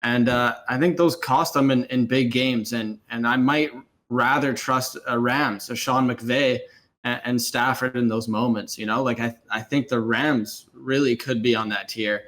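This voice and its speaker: A man's voice: medium pitch, steady tone, a little slow, a bit bright. Laid-back man on a sports podcast. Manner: hedging, conversational, fillers. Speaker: podcast co-host. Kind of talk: casual sports chat.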